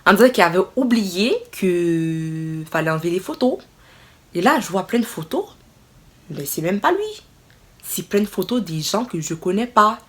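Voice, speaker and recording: A young woman telling a casual storytime to her viewers, expressive and exclaiming as she retells the scene. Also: on the low side, normal speed. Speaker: vlogger.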